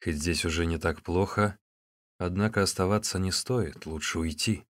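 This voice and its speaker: A man voicing a weary, tough outlaw hero in an audiobook, speaking low and grim. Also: normal speed, no echo, lightly acted. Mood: calm.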